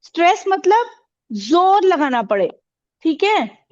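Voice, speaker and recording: A woman's voice: extremely high pitch, very animated, slow, a little mellow, highs cut off. A woman teaching a classroom, asking the pupils questions and repeating their answers with encouragement.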